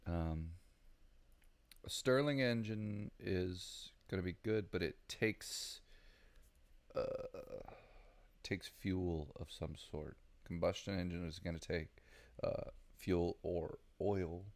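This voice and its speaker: A man's voice: low voice, slow, darkish tone. A man with a Southern American accent giving casual, rambling gameplay commentary, thinking aloud with lots of ums. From Southern United States. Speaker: gaming video creator.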